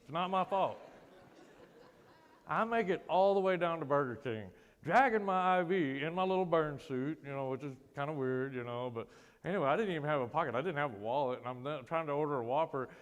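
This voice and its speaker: A man's voice: on the high side, fairly quick, dull audio. A man who is a military veteran, speaking to a school assembly and telling a personal story with casual, self-deprecating humor. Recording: long hall reverb.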